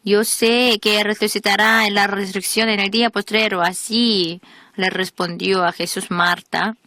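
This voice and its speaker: A woman reads a sermon voice-over in a steady, measured preaching manner. Her tone is bright and forceful, set a little low. The recording is close and dry. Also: no room sound. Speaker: voice-over reader of a translated sermon.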